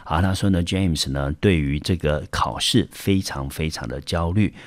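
A man teaching an English vocabulary lesson in Mandarin with a Taiwanese accent, patient and repetitive, filling pauses with short words. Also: very deep voice, dry recording. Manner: patient, repeats words and fills with "好" and "呢". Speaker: high school English teacher. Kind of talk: vocabulary lesson explaining word by word.

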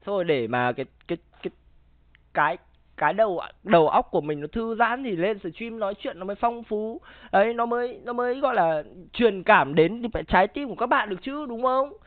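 A man's voice: sits high, lively intonation, fairly quick, no room sound, phone-quality sound. A male streamer in casual chat with friends, rambling, swearing and pleading with his viewers. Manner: rambling, profane, pleading with the audience.

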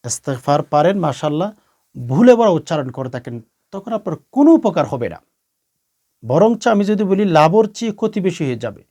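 A man with a Bangladeshi accent, giving a religious instruction talk as a preacher, with emphatic rising bursts and slow, drawn-out recitation. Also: a little high, sing-song, warm tone. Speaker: Islamic preacher.

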